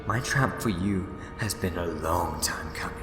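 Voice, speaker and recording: In a fan audio drama, a male actor with a low, slightly slow voice plays a scheming time-travelling villain who is gleefully smug. His delivery is theatrical, wheedling and gloating. The recording has a long, echoey reverb with music in the background.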